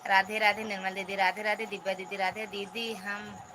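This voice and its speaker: A woman's voice: mid-range voice, little pitch movement, moderate pace. Chatty woman hosting a noisy live stream. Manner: chatty, reads out and answers viewer comments. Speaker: livestream host. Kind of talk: casual livestream chat, greeting viewers.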